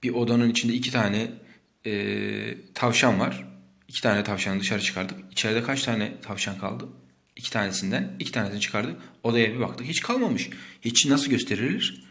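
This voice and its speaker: A man teaching young children subtraction in a playful way, counting numbers slowly aloud. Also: fairly low pitch, creaky, a bit bright. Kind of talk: math lesson for young children.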